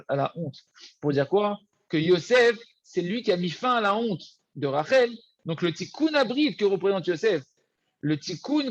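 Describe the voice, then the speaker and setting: A man teaching a Torah lesson, lively and repetitive, often addressing his listeners as friends. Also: on the high side, no echo, lo-fi sound. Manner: animated, repeats words, addresses listeners as friends. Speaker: rabbi teaching.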